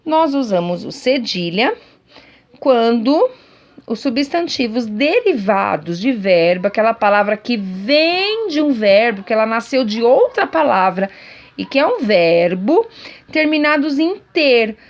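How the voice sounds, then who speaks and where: A woman teacher records a lesson for pupils at home. She speaks in a slightly high voice and explains each point patiently, often repeating it. She keeps checking that the class is following along. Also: sing-song, a little slow.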